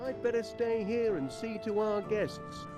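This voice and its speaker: An actor voicing a cheery, polite middle-aged inventor with a northern English accent in a video game, chirpy and genteel. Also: male voice, high-pitched, a little slow, over music. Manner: chirpy, genteel, eager to please. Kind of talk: video game character acting.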